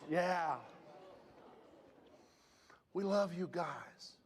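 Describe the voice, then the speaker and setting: A man giving an animated motivational speech to students at a school assembly, exuberant and calling out to the crowd with sudden shouts. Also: high-pitched, drawn-out words, husky. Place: large school hall with student audience. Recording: echoey hall with faint crowd noise.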